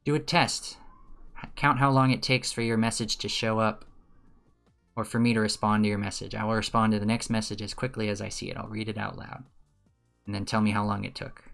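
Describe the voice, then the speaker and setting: A man's voice: on the low side, fairly even intonation, a little fast, vocal fry, a bit bright, soft background music. A man who teaches, chatting casually while streaming game development, rambling, with dry sarcastic asides. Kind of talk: casual livestream chat.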